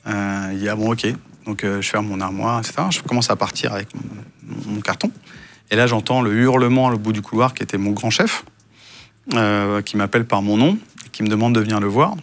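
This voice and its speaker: A Frenchman, a former intelligence officer appearing as a guest, recounts his past work in a casual interview. His voice is on the low side and brisk, full of hesitations, and he acts out the dialogue he quotes.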